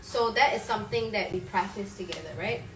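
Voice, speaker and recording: A woman's voice: mid-range voice, fairly quick, gravelly, roomy sound, distant mic, over loud music, low-quality recording. A woman chatting casually in a home kitchen while reading out viewer questions. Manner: chatty, reads viewer comments aloud. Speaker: co-host. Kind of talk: casual live chat.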